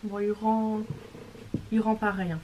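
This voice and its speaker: Woman, makeup tutorial voice-over, casual and chatty, mid pitch, faint hiss behind. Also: flat delivery, measured pace, muffled recording. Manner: chatty, self-correcting, describing each step. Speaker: beauty vlogger.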